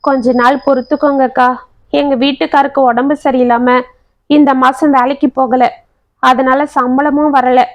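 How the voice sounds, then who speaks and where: A woman voicing a struggling neighbor who apologetically asks her landlady for time, speaking slowly and placatingly. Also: high voice, little pitch movement, lightly acted. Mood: apologetic.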